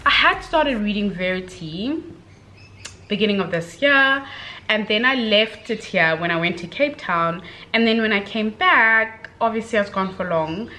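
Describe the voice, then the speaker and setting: A young woman delivers a casual, chatty book review in a mid-range voice at normal speed. She gushes expressively, using slang and dramatic emphasis.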